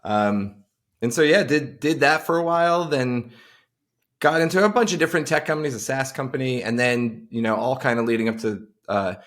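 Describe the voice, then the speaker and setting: A man's voice: medium pitch, moderate pace, fairly bright tone. A man in his forties from Long Island, talking as a podcast guest over a video call, rambling with many fillers and restarts. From Long Island, New York. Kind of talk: casual interview chat.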